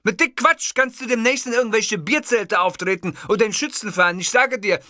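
A man's voice: a little high, big pitch swings, takes it slowly, fairly bright tone, breathy edge, no echo, clean studio sound, voice pushed up, heavily acted. A man voicing a furious, vain male TV comedian who screams and curses in an audiobook reading. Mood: furious ranting. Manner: screaming insults, cursing.

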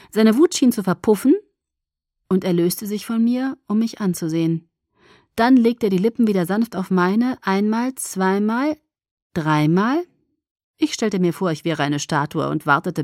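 A woman narrating a first-person novel as an audiobook, expressive and acting out the emotions. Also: mid-range voice, normal speed, no room sound, studio quality.

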